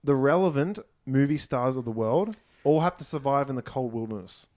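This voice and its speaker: A man's voice: mid-range voice, lively intonation, normal speed, a little mellow. Man, mid-range voice, podcast co-host, jokey quips, mumbles off mic. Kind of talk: casual film podcast chat. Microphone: desk microphone used poorly.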